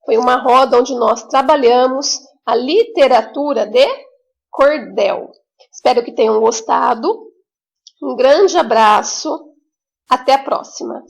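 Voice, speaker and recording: Slow, high-voiced Brazilian teacher woman. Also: vocal fry. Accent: Brazilian Portuguese. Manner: slow, sing-song, encouraging, drawn-out words. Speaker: primary school teacher. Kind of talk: remote lesson for young children.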